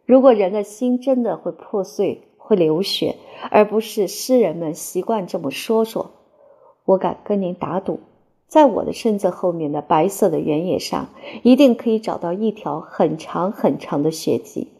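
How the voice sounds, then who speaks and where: Husky, mellow woman reading a novel. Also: on the low side. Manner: measured, expressive first-person reading. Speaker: audiobook narrator. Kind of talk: literary audiobook narration.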